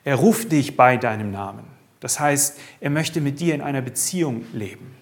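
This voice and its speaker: A man preaching in a steady mid-range voice. He leans hard on key lines, lifting them, then drops to a hush. It is an earnest sermon delivery. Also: mid-range voice, normal speed, creaky. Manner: emphatic, swings from raised to hushed.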